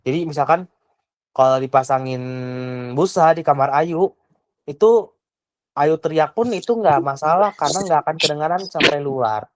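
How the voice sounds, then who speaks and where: A woman's voice: deep voice, moderate pace, darkish tone, no room sound, poor audio. A young woman tutoring a child, patient and full of questions, often trailing off with a casual tag. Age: young adult. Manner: patient, asks many questions, trails off with "gitu". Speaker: private tutor. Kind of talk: online tutoring lesson.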